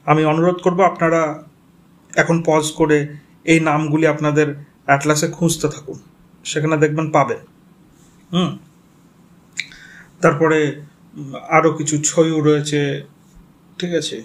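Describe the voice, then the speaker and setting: A man's voice: a little high, flat delivery, a little slow, long pauses. A man with a Bengali accent giving a geography lecture for exam students, explaining step by step, spelling names out and checking in with the class. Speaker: teacher.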